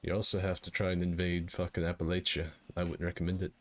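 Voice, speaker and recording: A man chatting on a call while gaming, keeping up a light put-on pirate voice. His pitch sits very deep, and his banter is crude and full of swearing. A faint hiss runs underneath. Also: monotone, quick pace. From United States. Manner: crude, profane, mock-patriotic banter. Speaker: gaming co-host. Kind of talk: casual gaming chat over a voice call. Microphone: computer mic on an online call.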